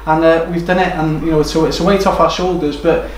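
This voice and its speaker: In a small indoor room overlooking a football pitch, a man in his thirties gives an earnest post-match interview as a football manager. He speaks quickly in a fairly high, fairly even voice. The room is echoey, with background noise.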